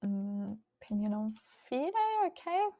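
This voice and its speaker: A woman's voice: medium pitch, lively intonation, measured pace, mellow. An Australian-accented woman hosting a livestream, chatting casually and informally as she thinks aloud and responds to viewers. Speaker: livestream host. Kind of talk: casual livestream chat, reading and answering viewer messages.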